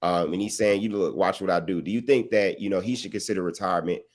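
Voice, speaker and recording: A man with a very low, deep voice hosts a relaxed sports talk show. He leans on "you know" and "um" and asks long, winding questions. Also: quick pace.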